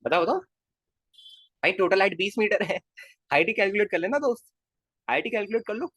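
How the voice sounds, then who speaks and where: A man's voice: high-pitched, lively intonation, fairly quick, fairly bright tone, husky, no room sound, studio quality. A male physics teacher in a casual live class, coaxing his students with constant questions and calling them kids. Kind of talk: live online class lecture.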